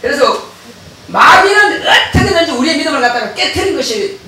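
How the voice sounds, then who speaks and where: A male pastor preaches a lively sermon in a high, bright, forceful voice. He often laughs, acts out conversations and breaks into shouts. The sound comes from a distance in a very echoey church with faint background noise. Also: a little fast. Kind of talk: animated sermon. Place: church sanctuary.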